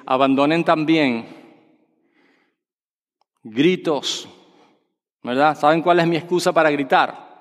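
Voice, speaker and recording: A man preaching a sermon, projecting his voice and asking the congregation rhetorical questions. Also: on the high side. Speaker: pastor. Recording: long reverb of a church hall.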